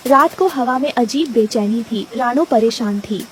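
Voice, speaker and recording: Female storyteller for children; high, expressive narration. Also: measured pace, a little hiss or hum. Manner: expressive, dramatic.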